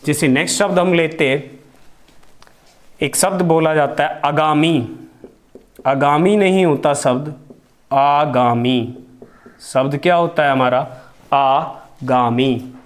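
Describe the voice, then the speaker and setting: Male teacher, slightly high pitch, unhurried delivery, stretches out example words and answers his own questions. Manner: slow and deliberate, drawing out example words; asks questions to the class and answers them himself. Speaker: Hindi teacher. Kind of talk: spelling lesson.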